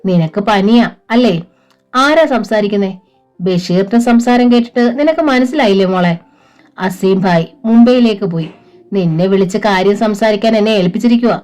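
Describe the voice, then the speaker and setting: A woman voicing a smooth-talking male recruiter who coaxes a girl over the phone. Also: medium pitch, normal speed, a little mellow, soft background music, natural voice. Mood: coaxing. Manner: coaxing, persuasive.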